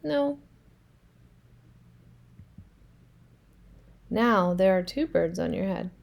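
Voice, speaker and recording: A woman voicing a calm, matter-of-fact female pig in a children's storybook read-aloud, answering patiently. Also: mid-range voice, normal speed, gravelly, voice pushed down.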